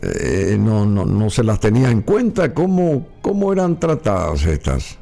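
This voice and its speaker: Male interview host, low gravelly warm voice, formal and courteous. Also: wildly swooping pitch, a little slow, faint music behind. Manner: frequent murmured backchannels, formal and courteous. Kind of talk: interview hosting. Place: studio.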